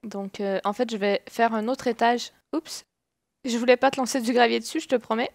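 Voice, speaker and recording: A woman's voice: a little high, brisk, vocal fry, dry recording, studio quality. A woman from Quebec with a Saguenay French accent, chatting casually and giggling while playing a game. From Quebec, Canada. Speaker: game video host. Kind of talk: casual gameplay chat.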